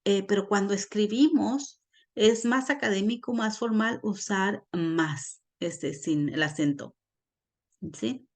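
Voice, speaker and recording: A woman teaching a grammar lesson online, explaining slowly and patiently and checking in often with her students. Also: medium pitch. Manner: slow, patient, checks in with frequent "¿sí?". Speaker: Spanish teacher.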